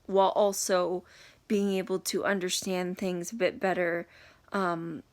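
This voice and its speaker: A young woman giving an unscripted talk to camera, halting and hesitant, with many pauses and fillers. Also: fairly low pitch, level tone. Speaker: video blogger reviewing a book.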